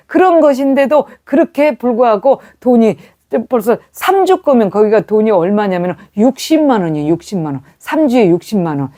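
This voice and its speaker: A woman's voice: fairly high pitch, warm tone. A middle-aged woman giving a sermon testimony, telling a story animatedly with quoted dialogue. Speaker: preacher.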